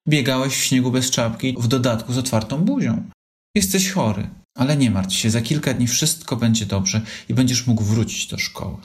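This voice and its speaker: A man voicing a calm, kind female mouse doctor who reassures a sick child. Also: mid-range voice, normal speed, voice pushed up, natural voice. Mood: reassuring. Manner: steady, reassuring.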